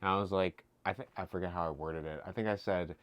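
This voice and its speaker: A young man with a very low voice talks into a dry, close streaming mic. He rambles through casual stories, laughs easily and swears freely. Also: fairly even intonation, quick pace, a bit bright, no echo. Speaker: streamer host. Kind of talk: casual chat.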